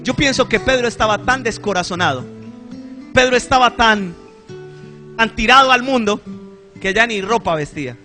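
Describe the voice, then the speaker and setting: A man preaching a sermon in church, retelling a story with animated delivery and calls for amens. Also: very high-pitched, normal speed, pauses often, faint music behind. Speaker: pastor.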